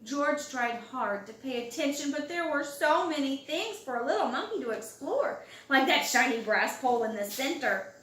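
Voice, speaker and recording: A woman reads a picture book aloud to young children, her high voice swinging widely in pitch as she stretches key words and belts out acted exclamations. The room sounds spacious, with the microphone placed some distance away.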